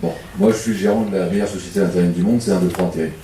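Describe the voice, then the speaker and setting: A man from the Paris suburbs, France, who runs a temp agency gives a funny, self-deprecating talk at a public debate and chats with the crowd. His low, steady voice races along, picked up from far off in an echoey community hall with background noise.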